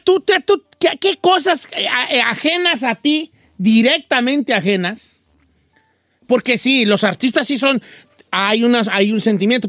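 A man's voice: very high voice, fairly bright tone, no room sound, clean studio sound. A man hosting a comedic radio show, teasing and playful, often stumbling over his words. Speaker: radio host.

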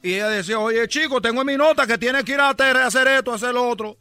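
A man voicing a boastful Cuban baseball player with a Cuban accent in a comedic radio bit, loud and rambling, repeating himself. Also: very high-pitched, fast, clean tone, no room sound, faint music behind. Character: boastful Cuban ballplayer, adult man, brash joker.

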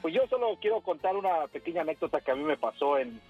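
Caller from Puebla; husky, muffled man who acts out the people in his tale. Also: animated, fast talker. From Mexico, Puebla. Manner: storyteller acting out dialogue in higher voices. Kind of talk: phone-in story. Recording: muffled phone call with radio music.

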